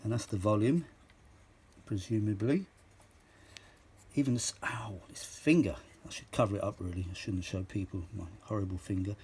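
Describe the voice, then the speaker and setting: This vintage audio fan, middle-aged or older, talks through a machine off the cuff, rambling and exclaiming and repeating himself to make his points. He speaks at normal speed in a lowish, darkish voice with a breathy edge.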